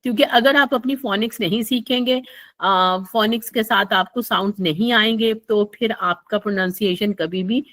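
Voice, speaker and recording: A woman, an online English tutor giving a recorded lecture, who explains patiently, repeats points, and often fills pauses. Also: mid-range voice, fairly bright tone.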